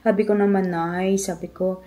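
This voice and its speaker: A woman's voice: medium pitch, level tone, moderate pace, dark tone. A middle-aged woman with a Filipino accent, telling a personal story in a vlog, emotional and reflective, switching between Tagalog and English. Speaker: vlogger.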